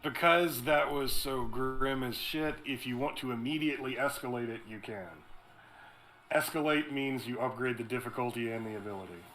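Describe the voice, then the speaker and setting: A man's voice: mid-range voice, normal speed, fairly bright tone, faint music behind, poor audio. A man running a tabletop role-playing game as game master, narrating casually.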